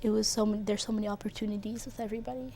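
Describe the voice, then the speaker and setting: A woman's voice: medium pitch, steady tone, very fast, mellow. A young woman from Ethiopia, a guest answering casually with "um" and "like". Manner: casual, with fillers like "um" and "like". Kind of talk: interview answers. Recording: faint background noise.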